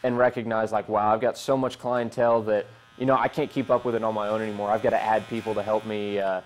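A man's voice: lowish voice, flat delivery, quick pace, a little hiss or hum. A young man, a radio station host, asking chatty, friendly questions in a casual interview while getting a haircut in a barbershop basement. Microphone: lapel.

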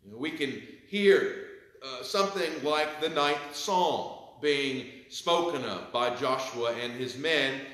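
A man in his thirties preaching a sermon from a pulpit in a church sanctuary, with measured delivery. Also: mid-range voice, a bit bright, very echoey, low-quality recording. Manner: measured preaching, reads scripture with rising emphasis. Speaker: pastor. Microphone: pulpit mic, far camera.

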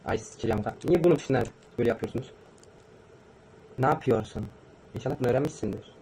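Fast, slangy young man streaming. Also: medium pitch, a little hiss or hum, low-quality recording. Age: 20s. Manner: fast, slangy, mutters to himself while typing. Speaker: live streamer. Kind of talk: casual live-stream chat with viewers. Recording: loud music playing behind the voice. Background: loud music.

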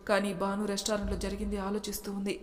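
A woman storyteller reading a romance story aloud in a steady, even way. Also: mid-range voice, racing. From Telugu-speaking India. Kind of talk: storybook narration. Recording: reverberant room.

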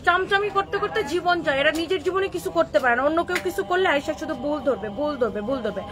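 Her voice is high and lively, moving at a quick clip. She's a clothing shop owner from Bangladesh with a Kishoreganj Bengali accent, berating comments on her live stream while mixing in English words.

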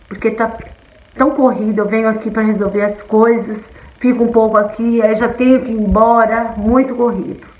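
A woman's voice: medium pitch, reverberant, rough recording. A middle-aged Brazilian woman chatting casually and affectionately to her viewers on camera. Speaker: vlogger. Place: indoors in a small kitchen.

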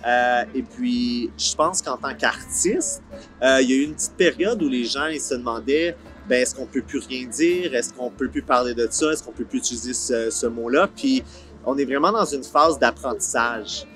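A soft music bed sits under this interview with a series creator, a man in his forties from Ottawa with a Franco-Ontarian accent. At medium pitch and normal speed, he talks casually and colloquially on an outdoor park film set, slipping in English words.

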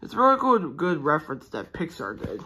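The reviewer's medium-pitched voice moves briskly through a casual toy unboxing filmed at home on a handheld phone, against background noise. It's excited but rambling and hesitant, with frequent restarts.

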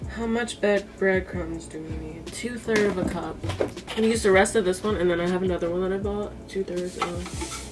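This twenty-something cooking vlogger with an American East Coast accent keeps up a casual running chat while she cooks at home, thinking aloud for the camera. Her voice is on the low side, fairly even in intonation, at normal speed. A camera a few feet away records her from a distance, with music in the background.

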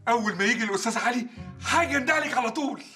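Brief: Egyptian office boy, quick and animated. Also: very high-pitched, music in the background. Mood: earnest. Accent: Egyptian Arabic. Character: timid male office boy who refuses to carry tales.

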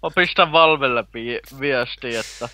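A man chatting casually while gaming, rambling through halting explanations. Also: mid-range voice, pushed and bright, a little hiss or hum. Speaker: gamer.

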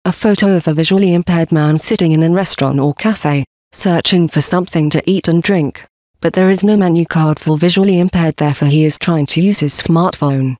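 A man giving a scripted presentation for a company, reading slide contents and symbols aloud in a steady, even delivery. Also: on the high side, a little fast, no room sound, clean studio sound.

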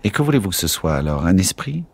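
A man's voice: low voice, lively intonation, moderate pace, vocal fry, darkish tone, husky, heavily acted. A man reading an anxious young lieutenant. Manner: tense, agitated questioning. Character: young male lieutenant, anxious, unsure, on night watch. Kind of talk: audiobook character reading.

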